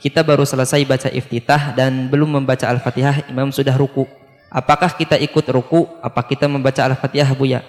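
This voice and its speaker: Flat-voiced man reading a question. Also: medium pitch, fast talker. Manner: steady, even reading. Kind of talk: reading a listener's question aloud. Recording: long hall reverb.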